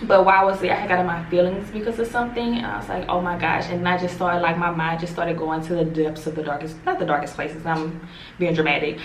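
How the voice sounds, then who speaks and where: A woman's voice: lowish voice, a bit bright. A young woman, talking candidly to camera in a casual vlog, swearing freely and drawing out her words. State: talking with a lozenge in her mouth. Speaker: vlogger. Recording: roomy and distant with faint noise.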